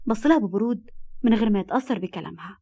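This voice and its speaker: A woman's voice: medium pitch, very fast, mellow. A woman with an Egyptian accent narrating a dramatized story and acting out its dialogue. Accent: Egyptian Arabic. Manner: acts out dialogue, heated in angry scenes.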